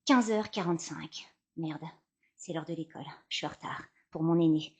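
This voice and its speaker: A woman's voice: low voice, moderate pace, breathy edge. Theatrical woman telling a mother's day. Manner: theatrical, switching between narration and acted dialogue. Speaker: podcast columnist. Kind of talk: acted monologue about a mother's day.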